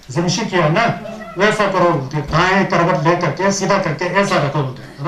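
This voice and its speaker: High-voiced male teacher in an echoey room. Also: fairly bright tone, slight background noise. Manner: reads out scripture lines in another language, then explains each in conversational Hindi. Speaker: Buddhist teacher. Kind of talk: teaching, reading and explaining a scripture. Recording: roomy, echoey recording.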